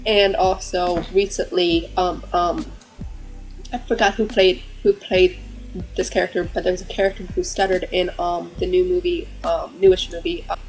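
A woman's voice: lowish voice, flat delivery, normal speed, darkish tone, soft background music, low-quality recording. A woman author who stutters heavily, with repeated sounds and blocks, talking casually in an interview.

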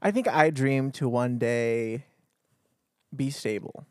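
A man's voice: medium pitch, lively intonation, slow pace, smooth, no echo, clean studio sound. A man in his twenties co-hosting a podcast, chatting casually and rambling with false starts. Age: 20s. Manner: hesitant, rambling with restarts. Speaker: podcast co-host. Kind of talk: casual chat.

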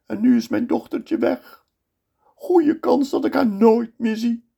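A man voicing a furious old sultan who rants and shouts in a high strained voice. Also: wildly swooping pitch, takes it slowly, vocal fry, breathy edge, heavily acted. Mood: bitter. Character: furious old male sultan, shrill and ranting.

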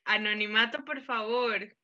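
A woman chats casually as a podcast co-host, playful and quick to act out other people. Her voice is bright and sits a little high. The recording sounds slightly dull and lo-fi. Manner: playful, acts out listeners' voices.

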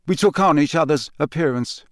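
A man voicing a drugged young man who confesses in a flat, expressionless monotone. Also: fairly high pitch, brisk, no room sound, studio quality, voice pushed up, lightly acted. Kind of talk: audiobook character voice.

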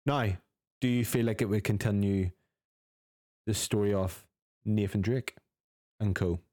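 A man co-hosting a gaming podcast chats casually, gives strong opinions, swears freely, and reads out news items. His voice is on the low side, steady, unhurried, and a little mellow, in a dry, clean studio recording.

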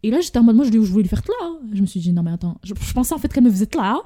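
A young woman from Morocco with a Moroccan accent, hosting a casual podcast chat and telling stories in a lively way, slipping in Darija and English words. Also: fairly high pitch, rapid-fire. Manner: animated storytelling, mixing in Darija and English words. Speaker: podcast host.

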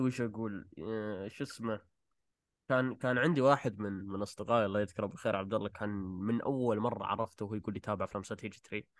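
A man with a Gulf Arabic accent chats about films as a host. He talks quickly but haltingly, circling back to filler phrases, in a dry, close sound. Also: mid-range voice, no room sound. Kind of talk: casual film discussion.

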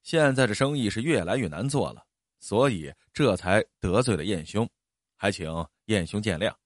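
A proud middle-aged tea merchant in a spoken storybook, put on by a male narrator. He talks curtly and wheedles when he wants something. The voice sits a little lower than the narrator's own, recorded dry and close. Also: lively intonation, normal speed, no room sound. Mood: apologetic. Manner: curt, later wheedling apologetic.

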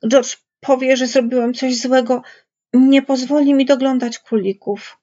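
A woman voicing a big, simple-minded man who pleads in a childlike, panicky way, with a husky voice. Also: mid-range voice, a little slow, darkish tone. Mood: pleading. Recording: dull lo-fi recording.

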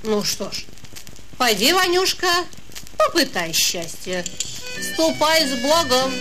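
A woman's voice: high voice, sing-song, takes it slowly, over music, full character voice, low-quality recording. A woman playing a doting, worried old peasant mother in a fairy-tale audio drama, crooning folksy endearments. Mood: resigned, tender.

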